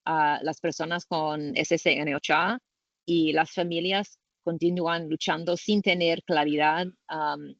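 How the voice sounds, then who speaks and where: Slow, halting from a woman. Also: sits low, dry recording, muffled recording. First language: English. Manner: halting non-native Spanish, searching for words. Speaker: co-presenter at a patient-family webinar. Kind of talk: informal presentation. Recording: roomless, band-limited online call audio.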